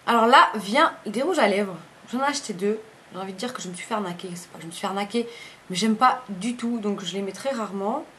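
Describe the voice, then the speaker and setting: A woman's voice: medium pitch, fast, fairly bright tone. A woman, chatting casually through a makeup review, rambling and often correcting herself mid-sentence. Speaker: beauty vlogger.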